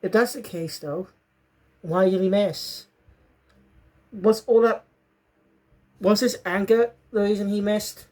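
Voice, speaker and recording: A woman's voice: medium pitch, fairly even intonation, slow pace, pauses often, a little mellow. Casual rambling woman reviewing a show. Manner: rambling, self-correcting, bursts into fits of laughter.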